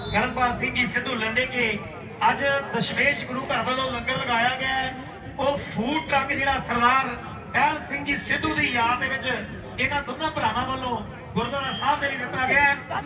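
A man with a very high-pitched voice and a Punjabi accent calls a rural kabaddi tournament in a declamatory style. He weaves in thanks and folk couplets, repeating lines for emphasis. His voice echoes from far off across a crowded outdoor ground. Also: noisy background. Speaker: kabaddi match commentator and announcer. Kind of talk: rural tournament commentary mixed with thank-yous and recited folk verse.

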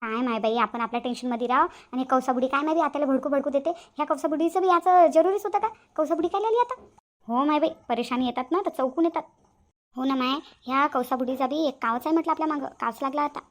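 Cartoon role: a woman voicing a high, fast, exclaiming village daughter-in-law. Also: close to an everyday voice. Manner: exclaiming, gossipy. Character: chatty young village daughter-in-law, fussing. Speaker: cartoon voice actress. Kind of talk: cartoon family drama dubbing.

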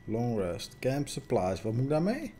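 A man's voice: mid-range voice, wildly swooping pitch, normal speed, dark tone, slight background noise. A man chatting casually and joking while playing a game with friends. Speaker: gamer. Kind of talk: casual gameplay chat.

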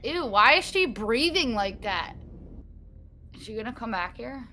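A woman's voice: a little high, expressive, unhurried, sharp tone, slight background noise. A young woman streaming a horror game, scared and exclamatory, swearing freely as she reacts aloud. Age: young adult. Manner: foul-mouthed, exclamatory. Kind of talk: horror game playthrough commentary. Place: small indoor streaming setup. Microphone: streaming microphone close up, headphones on.

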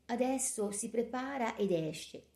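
A woman's voice: fairly high pitch, animated, unhurried, warm tone. A woman voicing an anxious middle-aged German mother-in-law who pleads and placates, in a storybook reading. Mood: pleading. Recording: roomy echo.

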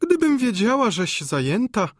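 A man voicing a sly, spiteful high-society duchess in an audiobook, with sweetly malicious delivery. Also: big pitch swings, measured pace, dry recording, clean studio sound, full character voice.

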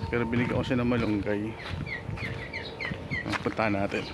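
A goat farmer vlogs casually on a walk-around of his rural backyard farm, speaking off the cuff in short, pause-filled phrases with a lowish, level voice. He holds the phone behind the camera, and the noisy outdoor recording carries birds, farm animals, and general farm ambience.

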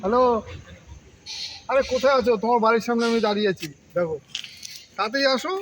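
A man's voice: extremely high pitch, fast, a little hiss or hum, rough recording. A young man playing a boyfriend who urgently calls his girlfriend outside. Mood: eager. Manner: urgent, hurrying her. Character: young boyfriend waiting by a pond.

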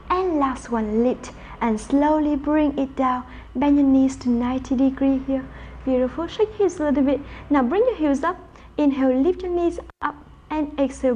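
High-pitched young woman leading a workout. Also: darkish tone, muffled recording, slight background noise. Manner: encouraging, directive, calling out counts and cues. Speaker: pilates instructor. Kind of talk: guided workout instruction with counting. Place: bright room at home with wooden floor, indoors.

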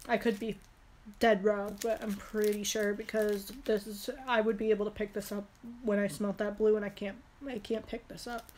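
Held close to a phone camera in a small room, a young beauty vlogger with a cold and a stuffy nose rambles chattily through her product haul, full of fillers. Her medium-pitched voice is flat and a little mellow at a normal speed, and the poor audio carries a little hiss or hum.

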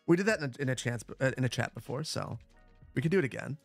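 A man with a boomy, bass-heavy sound on a close broadcast microphone, chatting casually and repeating short phrases as he hosts a gaming livestream. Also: lively intonation, fast, creaky, dry recording, faint music behind. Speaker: livestream host, gamer. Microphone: close broadcast dynamic microphone.

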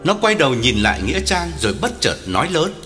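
Brief: male storyteller, ghost story, very lively pitch, hall reverb with music beneath. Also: brisk. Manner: dramatic, highly varied intonation.

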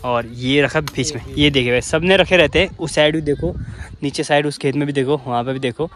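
Playful high-voiced man vlogging in village fields. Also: a little fast. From Uttarakhand, India. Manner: playful, teasing, loud bursts of excitement. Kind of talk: casual vlog chat. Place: outdoor village rice fields. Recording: outdoor field with crowd noise.

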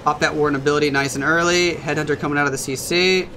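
A man casting a competitive mobile strategy match as solo play-by-play commentary, reacting quickly and excitably. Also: fairly high pitch, a little hiss or hum. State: hiccups. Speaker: esports caster.

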